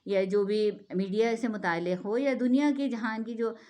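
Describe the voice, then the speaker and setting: A woman from Pakistan gives an earnest, explanatory talk on the national language. Her voice is a little high and darkish in tone, at a moderate pace. She often asks rhetorical questions and checks in with "theek hai."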